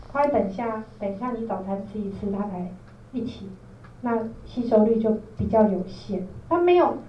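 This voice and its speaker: A woman with a Taiwanese Mandarin accent gives an informal training lecture, explaining things step by step and checking in with her listeners. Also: on the high side. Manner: explanatory, often checks with listeners using tag questions. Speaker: product trainer, presenter. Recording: roomy echo, distant mic, dull, faint noise.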